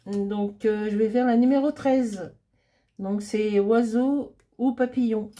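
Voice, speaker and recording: Slow, mellow-voiced chatty woman crafter. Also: fairly high pitch, steady tone. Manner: chatty, hesitant, many fillers. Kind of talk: casual crafting tutorial.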